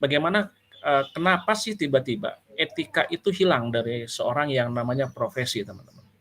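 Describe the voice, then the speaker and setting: A man's voice: mid-range voice, brisk, a bit bright, slight background noise. A male lecturer giving a casual, conversational lecture to his students. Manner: conversational, addresses students as friends.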